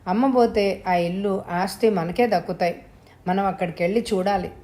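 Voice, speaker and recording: A woman's voice: mid-range voice, normal speed, warm tone, lightly acted. A grown son speaks with urgent command and a calculating edge, voiced by a woman storyteller. Short, pressing sentences. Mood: persuasive. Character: adult son, anxious and calculating.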